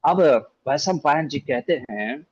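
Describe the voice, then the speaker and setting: A man's voice: a little high, lively intonation, measured pace, lo-fi sound. A man giving a scripture discourse, telling the story with animation and acting out the quoted lines. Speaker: scripture teacher.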